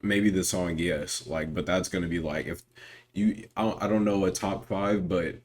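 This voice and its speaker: Give me a man with a very low voice casually reacting to a clip, laid-back slang, faint hiss behind. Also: fairly even intonation, moderate pace. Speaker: reaction video host.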